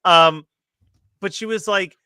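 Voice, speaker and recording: A man's voice: high voice, slow pace, bright, forceful tone, clear, resonant tone, no room sound, studio quality. A man co-hosting a podcast in casual chat who laughs often and keeps saying "like". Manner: laughs often, says "like" a lot. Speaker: podcast co-host.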